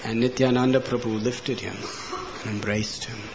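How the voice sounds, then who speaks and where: A man telling a devotional story as a sermon, earnest, with loud emphasis that drops to hushed phrase endings. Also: medium pitch, steady tone, normal speed. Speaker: preacher. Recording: dull lo-fi recording with faint noise.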